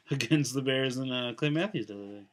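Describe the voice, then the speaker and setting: A man's voice: mid-range voice, noisy background. A young man chatting about sports with friends on a casual show. He hedges a lot, trails off and restarts, and laughs through his points. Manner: halting, hedging, laughs often. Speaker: sports talk show co-host.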